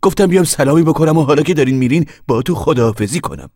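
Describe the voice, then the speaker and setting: A man's voice: a little high, animated, darkish tone, no echo, studio quality, pitched above the performer's own voice. A man doing a lonely wistful farmer. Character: lonely middle-aged man left behind on land.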